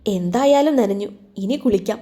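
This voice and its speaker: A woman's voice: mid-range voice, lively intonation, moderate pace, dark tone, close to an everyday voice. Woman voicing a curt stern young man. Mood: irritated. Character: stern wealthy young man, impatient suitor.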